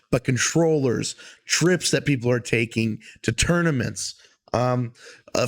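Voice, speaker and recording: A man hosting a solo podcast, talking casually in an earnest, rambling, informal way. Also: medium pitch. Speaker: podcast host.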